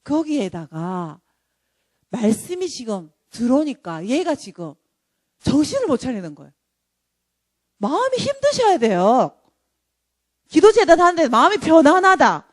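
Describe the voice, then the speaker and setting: High lively woman preacher, jokey sermon, acts out voices, dry close sound. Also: unhurried, long pauses, dry recording.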